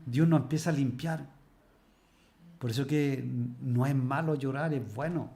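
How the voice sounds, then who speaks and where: A man preaching a Bible study sermon as pastor. He asks rhetorical questions, and he slows down and stresses the words when he reads scripture. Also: mid-range voice, dark tone.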